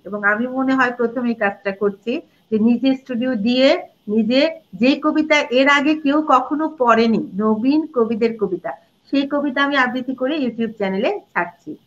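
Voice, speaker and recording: A woman's voice: a little high, a bit bright. A middle-aged woman, a Bangla teacher and reciter, explaining pronunciation rules in a live interview and demonstrating words and short sung lines. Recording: dull lo-fi audio.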